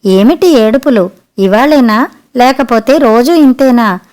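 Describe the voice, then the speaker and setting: A woman reading the part of an irritated young mother who scolds her mother-in-law with sharp, reproachful questions in an audiobook story. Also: a little high, measured pace, close to an everyday voice. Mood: scolding.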